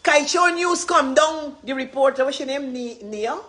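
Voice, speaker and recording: A woman's voice: sits high, normal speed, a bit bright. A woman with a Guyanese accent gives an impassioned, rambling live address as a community advocate, repeating her points with emphasis.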